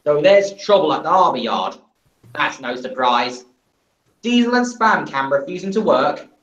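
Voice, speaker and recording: A woman's voice: low voice, big pitch swings, normal speed, roomy sound, dull audio. A woman voicing an impatient, sarcastic male railway boss in a storybook reading.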